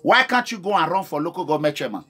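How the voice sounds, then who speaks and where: A man's voice: on the high side, expressive, very fast, pushed and bright, husky. A man with a Nigerian accent delivering a fiery revolutionary political speech as an activist, impassioned and repetitive as he exhorts people.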